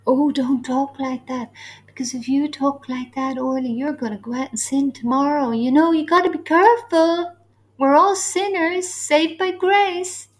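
A woman imitating a fretful, preachy fellow churchgoer who scolds her in a high, singsong voice. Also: fairly even intonation, unhurried. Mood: scolding.

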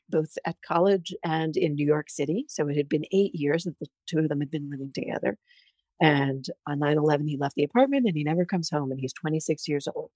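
Lively woman storyteller, dry close sound. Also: fairly low pitch, no echo. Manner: animated storytelling with frequent restarts. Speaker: guest, journalist. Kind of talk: conversational interview.

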